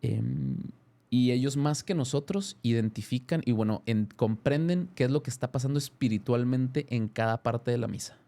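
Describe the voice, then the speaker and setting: Man, 30s, Mexican accent, interview guest, warm dark tone, animated storytelling, frequent restarts. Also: medium pitch, normal speed. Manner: animated, many restarts and self-corrections.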